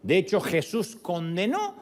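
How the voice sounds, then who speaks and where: A man preaching a sermon, animated, switching voices for quotes and jokes. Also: high-pitched, measured pace. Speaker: pastor.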